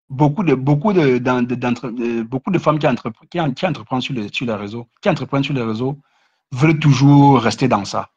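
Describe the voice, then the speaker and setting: Husky male live streamer, mocking and repetitive, muffled lo-fi sound. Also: mid-range voice. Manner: mocking, repetitive, stammering restarts. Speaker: live streamer commenting on other creators. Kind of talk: casual live-stream rant.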